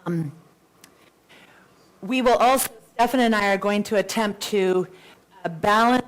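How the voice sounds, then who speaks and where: The moderator of this live candidates' debate is a Canadian woman with a big voice, which she herself says is really big, and she keeps things chatty with playful, self-deprecating asides. Her pitch is fairly low, and the recording quality is poor.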